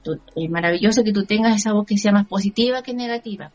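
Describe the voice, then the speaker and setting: A woman's voice: medium pitch, quick pace, a little mellow, lo-fi sound, faint music behind. A woman with a Chilean Spanish accent, talking earnestly as a personal growth coach and checking that her listener agrees. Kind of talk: motivational talk show chat.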